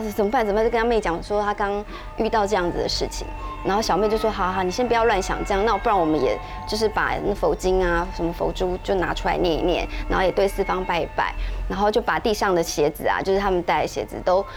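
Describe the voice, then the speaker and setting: This woman speaks with a middle, unremarkable pitch. She narrates a ghost story in a casual way, padding it with fillers as she goes. Faint music sits softly beneath her voice. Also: creaky. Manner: measured, chatty narration with many fillers. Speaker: podcast co-host.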